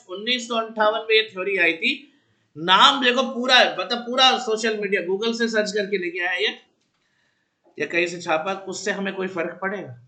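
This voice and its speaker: Man, classroom lecture, high pitch, sharp bright tone, teasing, dictates slowly. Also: roomy sound. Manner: teasing, mixes English into Hindi, dictates notes slowly. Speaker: commerce teacher.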